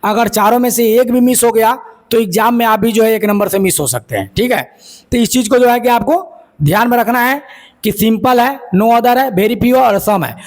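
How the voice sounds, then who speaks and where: High-voiced man teaching grammar. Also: normal speed. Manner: explains step by step, repeats key words, asks and answers own questions. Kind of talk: classroom lecture.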